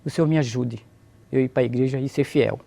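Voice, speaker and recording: A Brazilian man being interviewed gives an emotional testimony of his religious conversion, repeating phrases and praising God as he goes. His voice is mid-range and mellow, with some vocal fry, and he talks a little fast.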